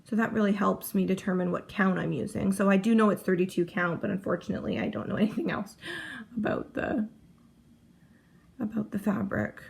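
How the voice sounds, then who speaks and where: Chatty woman with a gravelly voice. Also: medium pitch, fairly even intonation, brisk, a little mellow. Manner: chatty, rambling, self-interrupting. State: heavily pregnant. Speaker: cross-stitch vlogger. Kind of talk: casual chat to camera.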